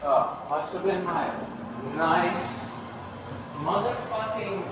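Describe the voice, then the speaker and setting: A drunk man rambling and yelling belligerently in slangy, profane taunts, constantly saying "bro". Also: sits high, slow pace, music in the background. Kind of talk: confrontational street talk, profane taunting. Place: public library property. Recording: roomy, noisy on-the-scene recording.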